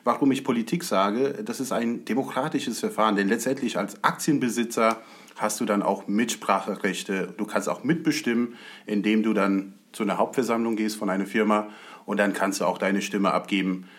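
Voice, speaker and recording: A man's voice: fairly low pitch, a bit bright. A man raised in the USA, a guest explaining his views in an earnest, conversational way. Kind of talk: conversational talk.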